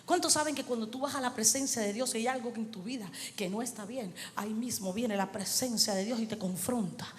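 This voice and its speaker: High-voiced woman preaching in a hall. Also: brisk, few pauses. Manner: questions the congregation, reads and explains scripture, rises to shouts. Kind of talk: sermon. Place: church sanctuary. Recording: church hall reverb.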